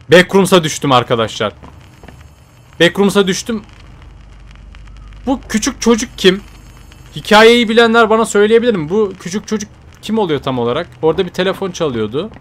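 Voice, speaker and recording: A young man giving chatty horror game commentary, talking to his viewers, jumping from low mutters to startled shouts. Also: fairly quick, pauses often. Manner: chatty, addresses viewers directly. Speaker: gaming YouTuber.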